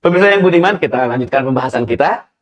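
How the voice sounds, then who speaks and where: A man's voice: medium pitch, lively intonation, very fast, dull audio. A man teaching Quran recitation rules on a televised lesson, patiently repeating and sounding out letters as examples. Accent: Indonesian.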